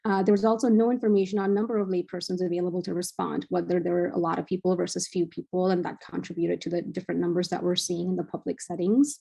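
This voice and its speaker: A young adult woman, a cardiology fellow, giving an academic journal club presentation in a measured way with frequent filler sounds. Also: fairly low pitch, level tone, creaky, dark tone, husky.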